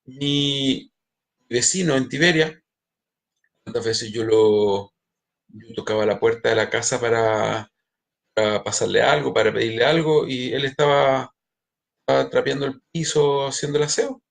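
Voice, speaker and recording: A man's voice: mid-range voice, steady tone, a little slow, vocal fry. A middle-aged man, a rabbi giving a spiritual lecture, who often restarts and repeats words as he speaks straight to his listeners.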